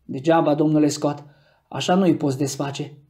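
A man voicing a calm, practical dog musher who speaks in a low-key way, in an audiobook reading. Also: lightly acted. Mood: matter-of-fact.

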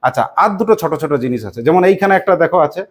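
Low-voiced Bengali teacher drilling her class. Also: expressive, racing. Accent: West Bengal Bengali. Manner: patient, repeats questions and prompts the class to answer. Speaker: primary school English teacher. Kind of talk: classroom lesson with call-and-response drilling.

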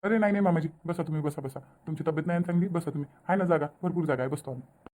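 A man's voice: on the high side, very fast, darkish tone, slight background noise, lightly acted. A man voicing a deferential young son-in-law. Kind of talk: cartoon voice acting.

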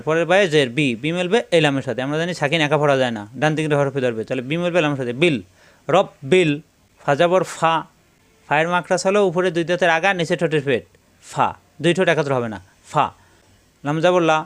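High, smooth-voiced man teaching recitation. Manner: spells out letters slowly, then chants verses in a slow, drawn-out recitation. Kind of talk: step-by-step recitation lesson.

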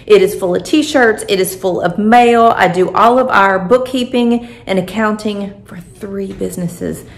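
The recording quality is poor, and the woman speaks a little slowly. As a vlogger walking viewers through her home, from the outdoor patio to the rooms inside, she chats casually into a phone held at arm's length, switching to a high sing-song tone to talk to her dog.

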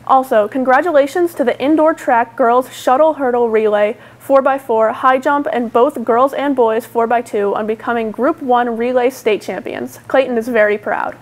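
A high-voiced teenage young woman with an American accent anchors student news. She reads scripted school announcements into a lapel mic. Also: steady tone, moderate pace, few pauses. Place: indoor school studio before a curtain.

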